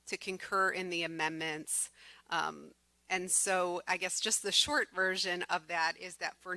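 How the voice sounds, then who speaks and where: A woman leading a school board meeting, giving a fast legislative update full of ums. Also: fairly low pitch, sharp tone, dry recording, rough recording. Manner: fast-talking with many ums. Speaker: board president.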